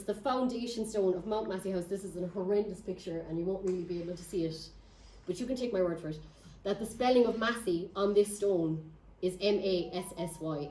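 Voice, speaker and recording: In an echoey indoor room in front of an audience, a County Cork woman from Ireland relates local history with dry, gentle humour in an informal talk. Her mid-range voice has a dark tone and is picked up from a distance.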